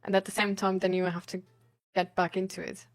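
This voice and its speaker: Mid-range in pitch, her voice is flat in delivery and fairly quick. The woman streamer chats casually with her audience and reads their messages aloud, giggling and rambling hesitantly.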